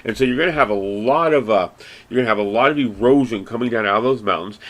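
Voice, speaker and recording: A man's voice: medium pitch, fast talker, fairly bright tone. A man teaching a geology class in a recorded lecture, talking casually with lots of fillers, restarts and self-deprecating asides. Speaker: geology instructor.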